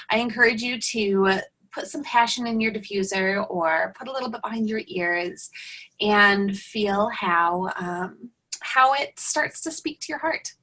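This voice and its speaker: A woman hosting a live webinar, presenting casually with many ums and pauses. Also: medium pitch, sharp tone, poor audio. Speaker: webinar host.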